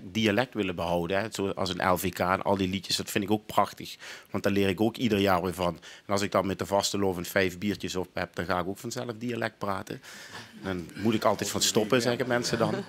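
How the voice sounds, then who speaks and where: A man's voice: fairly low pitch, fairly even intonation, brisk, fairly bright tone. A man giving his view in a casual panel discussion.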